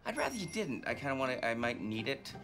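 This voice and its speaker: An actor playing a polite, hesitant hiring manager in a comedy series. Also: male voice, mid-range voice, wildly swooping pitch, fast talker, over music. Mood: awkward.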